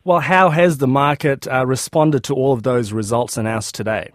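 Dry recording, man, medium pitch, New Zealand accent, business news presenter, scripted reading. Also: moderate pace, no room sound.

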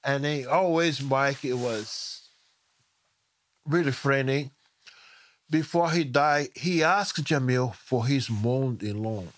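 A middle-aged man with a Brazilian Portuguese accent who speaks Portuguese natively, telling a family story in lively, broken English. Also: medium pitch, takes it slowly. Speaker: immigrant parent telling a story.

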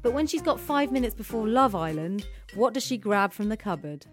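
A woman narrating a food programme in a crisp, playful scripted way. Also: fairly high pitch, lively intonation, a little fast, faint music behind. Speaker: presenter narrator.

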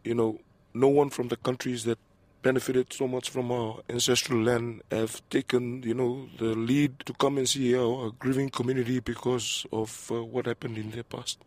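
A man from Fiji speaking in an interview, soft and hesitant, reflecting slowly on his community. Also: mid-range voice, level tone, no echo.

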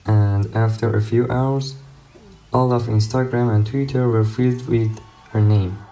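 A male student speaking in a measured account through a voice altered to disguise him, deep and low. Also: steady tone, dark tone, soft background music. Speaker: student protester.

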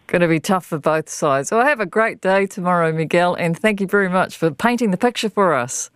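A woman's voice: on the low side, lively intonation, a little fast, clear, resonant tone, dry recording. Woman radio host asking questions. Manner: friendly, conversational questions. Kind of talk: radio interview.

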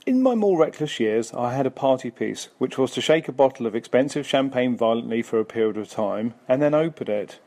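A man phones in to a radio show with a recorded question. He tells a short anecdote before asking it. His voice is mellow and dark. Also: medium pitch, expressive, brisk, hardly any pauses. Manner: storytelling, then questioning. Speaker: caller.

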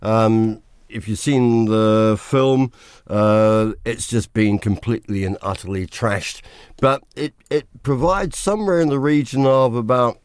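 A man's voice: mid-range voice, a little slow, clear, resonant tone, no room sound, clean studio sound. A man in his sixties with a New Zealand accent, giving chatty business commentary on the radio and acting out quotes. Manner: animated, acts out quotes. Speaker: business reporter.

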